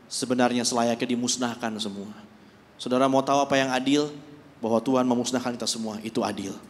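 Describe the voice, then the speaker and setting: A man's voice: mid-range voice, a little hiss or hum. A man preaching a sermon in a church, in a conversational but emphatic way, with many rhetorical questions. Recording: reverberant church hall.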